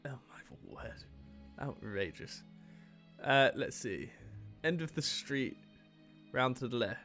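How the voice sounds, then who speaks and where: A man's voice: medium pitch, lively intonation, slow, fairly bright tone, soft background music. A man with a British accent giving casual, exclamatory gameplay commentary with mock-outraged asides. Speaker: game streamer.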